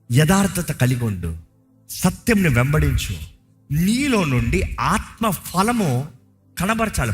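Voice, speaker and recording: A man's voice: mid-range voice, fairly bright tone. A man with a Telugu accent preaching a sermon as a pastor, emphatic, slipping English phrases into his preaching.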